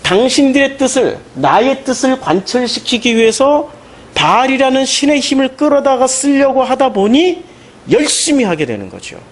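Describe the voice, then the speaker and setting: Animated Korean pastor preaching, lively pitch. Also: male voice, normal speed. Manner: animated, rising into emphatic questions and mocking quotes. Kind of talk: sermon.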